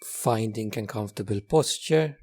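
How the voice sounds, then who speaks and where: This meditation teacher, a man, leads the session with gentle guidance, speaking calmly and deliberately, repeating phrases and leaving long silences. His voice leans low.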